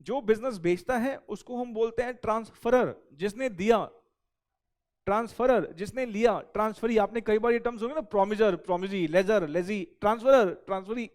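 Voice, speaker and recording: Guy teaching accounting, high voice, asks stuff then answers it himself, dictates notes real slow. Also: a little mellow. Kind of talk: recorded classroom lecture.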